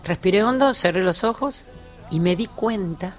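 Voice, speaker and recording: A woman with an Argentine accent, a singer chatting as a guest on a radio show, talking warmly and laughing easily. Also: mid-range voice, normal speed, faint music behind. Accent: Argentine Spanish. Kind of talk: casual radio interview.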